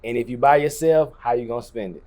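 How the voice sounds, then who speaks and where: A man's voice: medium pitch, quick pace, dark tone. A man hosting a casual group podcast, slangy and profane, steering everyone's talk. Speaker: podcast host.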